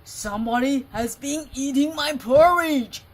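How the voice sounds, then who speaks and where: A woman's voice: sits high, unhurried. A woman voicing a big grown male bear in a storybook, growling in a great big voice. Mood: gruff, angry.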